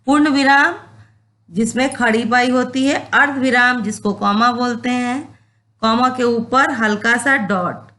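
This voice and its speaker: A woman's voice: on the high side, a little slow, pushed and bright. A woman teacher giving a patient classroom lesson, repeating points, checking that students follow and mixing in English words. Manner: mixes English words into Hindi. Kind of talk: classroom lesson on Hindi grammar.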